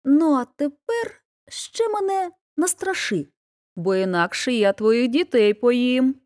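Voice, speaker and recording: Хитрий голодний лис, якого озвучує жінка, що насмішкувато вимагає й погрожує. Голос трохи вищий, теплий і м'який, з живою мелодикою. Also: female voice, sits high, lively intonation, takes it slowly, darkish tone. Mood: threatening. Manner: taunting, bullying questions. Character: sly hungry fox, menacing and demanding. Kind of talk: storybook reading.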